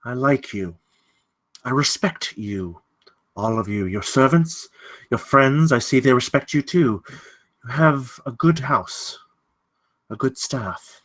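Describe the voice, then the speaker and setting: An actor playing a menacing, courteous gentleman villain in a script table read, telling his tale in deliberate, ornate, theatrical phrasing. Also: medium pitch, lively intonation. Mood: quiet threat.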